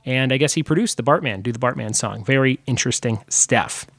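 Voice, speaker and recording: A man's voice: medium pitch, vocal fry, a bit bright, dry recording. Upbeat guy in his 30s hosting a trivia podcast, chatty, dry close sound. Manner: chatty and upbeat, quick laughs and loose asides. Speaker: podcast host. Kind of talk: casual podcast chat. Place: home room.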